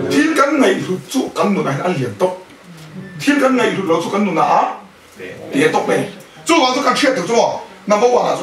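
一位在家庭团契上讲道的男人，不断向听众发问，并夹杂英语词汇。. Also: male voice, sits high, fairly bright tone. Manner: keeps questioning the listeners; mixes in English words. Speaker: preacher. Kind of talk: sermon at a house fellowship. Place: indoors at a home fellowship. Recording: echoey room, voice from a distance.

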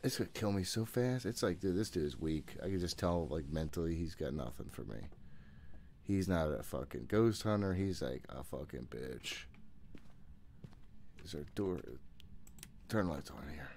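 A man in his thirties streams a horror game from a small room at home, offering casual, jumpy commentary and swearing freely to himself. His voice is deep, gravelly and darkish, with lively intonation at a normal speed. A desk mic sits close to his mouth, and there's slight background noise.

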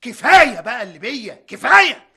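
A weary, husky Egyptian husband. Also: male voice, high voice, fast, exaggerated voice. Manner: exasperated, pleading for calm. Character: weary husband trying to calm his wife. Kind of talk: TV drama acting.

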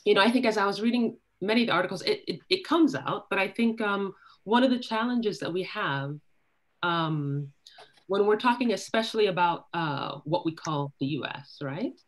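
A woman's voice: medium pitch, expressive, moderate pace. Woman panelist who keeps asking "right?". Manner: thoughtful, tags points with "right?". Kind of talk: academic panel discussion. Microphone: laptop video call.

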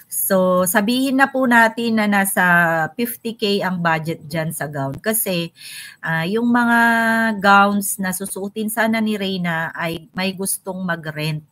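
A woman's voice: mid-range voice, a little slow, a bit bright. Chatty woman hosting a live stream. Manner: chatty, greets viewers by name. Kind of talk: casual live stream chat.

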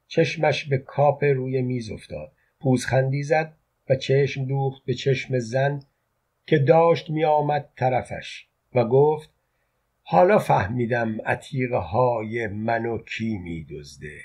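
A man narrating a literary novel in a measured, calm storytelling voice that sounds husky. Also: mid-range voice. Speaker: audiobook narrator.

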